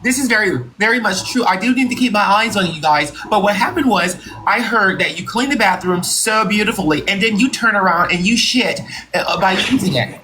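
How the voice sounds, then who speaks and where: A live-stream host playing a company boss in improvised comedy, talking in a mock-formal, drawn-out way. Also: medium pitch, animated, noisy background. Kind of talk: improvised comedy role-play with callers.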